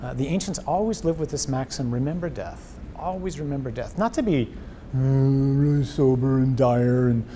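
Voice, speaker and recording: Hosting a faith conversation as a priest, this man speaks at normal speed with few pauses, his voice mellow and warm. He comes across as earnest and animated, frequently restarting phrases mid-thought. Recorded indoors before a wall of memorial crosses, with a faint underlying rumble.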